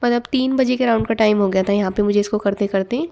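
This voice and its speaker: A woman's voice: medium pitch, fast, gravelly, a little mellow. A young woman narrating her study day in a casual vlog, chatty and loose, mixing in English words. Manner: chatty, loose Hindi-English mix with fillers. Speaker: exam aspirant vlogger. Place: at home.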